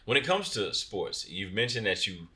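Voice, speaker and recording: A male podcast host with a low, lively voice and a bright, forward tone. He asks his guest questions and keeps him going with short encouraging remarks. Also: moderate pace. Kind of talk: casual podcast interview.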